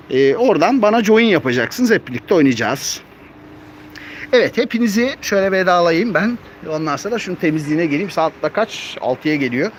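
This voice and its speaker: A man's voice: a little high, a little hiss or hum. A young man chatting casually on a live stream, reading viewer comments aloud and cooing at his cats at home.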